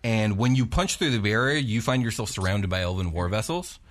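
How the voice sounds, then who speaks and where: A man's voice: fairly low pitch, fairly quick. A man hosting as game master, narrating a tabletop fantasy game in an informal, descriptive storytelling style. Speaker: game master, show host.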